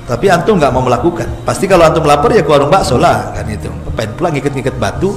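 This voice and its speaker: A man with a notably high voice delivers a casual religious lecture, telling stories with lively humor and acting out quotes. His voice rings through an echoey room with faint music underneath. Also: fast talker. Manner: lively storyteller, jokes with the audience, acts out quotes. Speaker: Islamic preacher.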